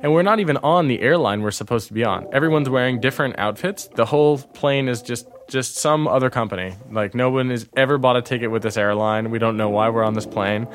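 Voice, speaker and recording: A man's voice: medium pitch, a little fast, few pauses, slight background noise. A man telling a travel story in casual conversation, rambling and restarting, laughing at his own tale.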